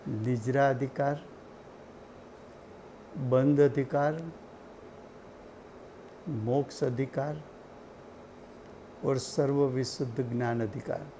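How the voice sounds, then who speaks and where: A man giving a slow, deliberate religious study lecture, repeating key points for his listeners. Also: mid-range voice, dark tone, a little hiss or hum. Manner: slow, deliberate teaching with repetition. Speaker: scripture teacher.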